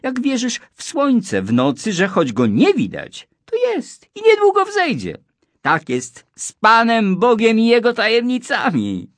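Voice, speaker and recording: A man telling a religious story for children in an expressive storytelling manner. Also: very high voice, a little slow, no echo.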